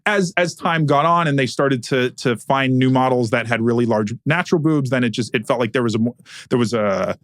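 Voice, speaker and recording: A man's voice: medium pitch, brisk, fairly bright tone, no room sound, studio quality. A man hosting a podcast interview, rambling with many stammered restarts and laughs. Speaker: podcast host. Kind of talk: casual interview chat.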